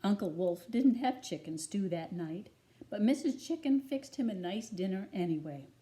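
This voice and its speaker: Reading a children's story to listeners, a woman speaks at medium pitch in a deliberate, expressive storytelling manner typical of a storybook reader.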